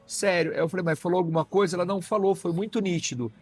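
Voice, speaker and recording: A man tells his story as a guest in a sit-down conversation. His voice sits a bit high and is husky, and he slips into the voices of the people he quotes, checking in often with his listener. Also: steady tone, fast talker, soft background music. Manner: storytelling, acts out quoted dialogue, frequent "né?" tags. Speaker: guest physician. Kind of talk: personal testimony in a conversation.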